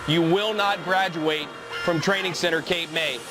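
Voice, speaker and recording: A man's voice: on the high side, steady tone, moderate pace. An American man addressing recruits as a military instructor, in stern, commanding drill sergeant phrases. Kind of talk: formal motivational speech to recruits. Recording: loud music over the speech.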